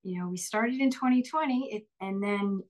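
A woman's voice: mid-range voice, normal speed, a little mellow, low-quality recording. A woman guest in an interview, talking in a chatty, upbeat way with plenty of fillers and laughs. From Pennsylvania, Lehigh Valley. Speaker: singer and bandleader, interview guest. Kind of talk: casual interview conversation.

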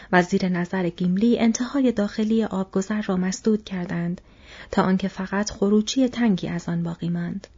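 A woman reading an audiobook in hushed, half-whispered narration, in a dull lo-fi recording. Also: medium pitch, slightly rough. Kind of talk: scripted narration.

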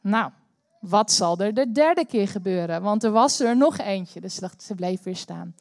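A Dutch woman preaching a sermon in church, telling a story with animated bursts of energy. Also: mid-range voice, measured pace, dry recording, studio quality. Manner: animated, bursts into loud cheering when acting out the story. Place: church hall.

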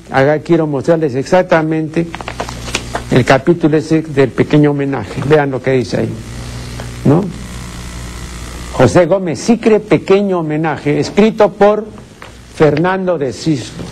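A man's voice: fairly high pitch, a little mellow, slight background noise. A man from Peru giving pedantic, indignant critical commentary, often asking rhetorical questions.

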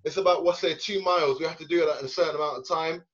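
A young man from East London co-hosting a podcast, earnestly recalling youth football training with halting fillers. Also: on the high side, steady tone, fairly bright tone. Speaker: podcast co-host, former youth player. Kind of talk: casual podcast chat. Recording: dull lo-fi podcast recording.

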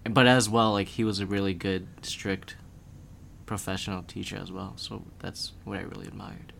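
A young man talks in a low voice, loose and rambling, his sentences full of "like" and "um." Faint hiss sits under the recording. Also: normal speed, creaky. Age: young adult. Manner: relaxed, rambling, full of filler words. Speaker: guest. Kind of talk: casual podcast chat.

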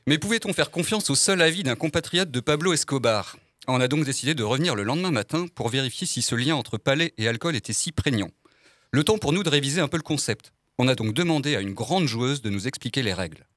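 Man, wry scripted narration, mid pitch, dry sound. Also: lively intonation, fast, fairly bright tone, no room sound. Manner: wry, playful. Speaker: co-host narrator.

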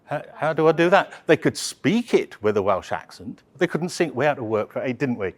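Male presenter, conversational Q&A, halting delivery with frequent restarts. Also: medium pitch, sing-song. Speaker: opera project presenter. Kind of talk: answering audience questions. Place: live talk session.

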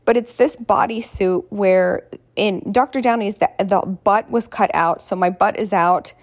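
A woman with a hoarse voice telling a personal story casually, in a candid, rambling, self-deprecating way. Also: medium pitch, unhurried. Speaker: vlogger.

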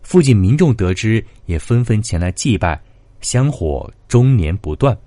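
A man tells old ghost stories with dramatic flair, his lowish voice swinging widely in pitch as the tale unfolds. The sound is dry and close, with no room around it. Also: sing-song, measured pace, warm tone, dry recording. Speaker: storyteller. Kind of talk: dramatic narration of classic ghost tales.

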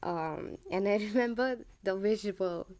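The voice is a woman's, mid-range and slightly mellow, in no hurry. She's a young podcast host from India with an Indian English accent trending toward American, and her personal monologue is hesitant, punctuated by ums and self-corrections.

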